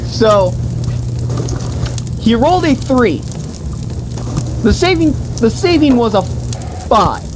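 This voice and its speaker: Taking it slowly with long pauses, a woman with a fairly high pitch plays game master while recounting a tabletop game. Her delivery is theatrical and mock-grandiose, with crude humor. A steady hiss runs behind her in a noisy room.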